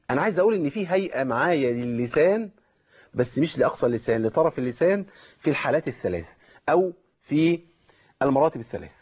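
A fast-talking Egyptian man teaches Quran recitation on a call-in show, breaking each rule into small steps and checking in with listeners. His voice sits fairly high for a man, and the broadcast audio sounds muffled and lo-fi. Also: darkish tone, slightly rough. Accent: Egyptian Arabic. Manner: explains step by step, checks in with listeners. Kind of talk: call-in tajweed lesson.

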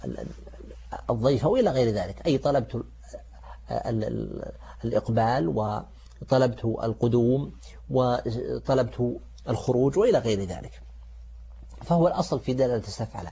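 A man teaching Quranic grammar in formal Standard Arabic as a programme's religious teacher, in a halting way that repeats words as he explains. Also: mid-range voice, big pitch swings, gravelly, dark tone, breathy edge. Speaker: religious teacher presenting a show. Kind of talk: Quranic grammar lesson, semi-improvised lecture. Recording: dull, muffled lo-fi audio.

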